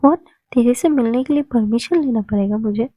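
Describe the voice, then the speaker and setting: A woman's voice: a little high, moderate pace, no room sound, dull audio, close to an everyday voice. A woman voicing a close young friend who talks in a blunt, surprised way.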